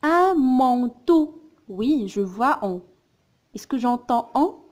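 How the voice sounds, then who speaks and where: A woman teaching a phonics lesson, sounding out words and syllables slowly and repeating them. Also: fairly high pitch, animated, darkish tone. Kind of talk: slow, careful phonics lesson.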